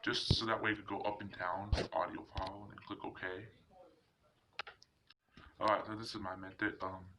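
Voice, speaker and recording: Recorded on a muffled, lo-fi mic with clicks and loud noise, a man hosts an informal screen tutorial. His lowish voice is flat and moves at normal speed as he hesitantly explains each step.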